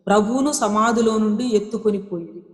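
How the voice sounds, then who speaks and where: A woman's voice: mid-range voice, fairly quick. A woman preaching a sermon in an earnest way, repeating key phrases and slipping English words into her talk. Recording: echoey hall with long reverb.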